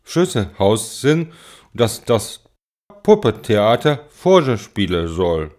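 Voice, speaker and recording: A man acting out a frightened man whose body is failing him, his speech slow and strained. The voice rises and falls in lively swings. Each word comes with effort. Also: fairly low pitch. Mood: anxious, slow. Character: frightened middle-aged man losing control of his body.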